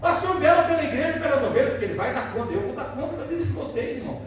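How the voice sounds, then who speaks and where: A man's voice: very high voice, lively intonation, rapid-fire. A man with a Brazilian accent, a pastor preaching a sermon with personal testimony, calling the congregation brothers and asking for amens. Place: church hall, indoors. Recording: very echoey church hall, mic far off.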